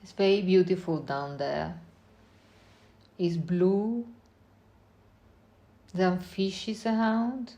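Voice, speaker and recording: In short, gentle phrases broken by long pauses, a woman slowly guides a meditation built around spoken visualization. Her voice sits lowish.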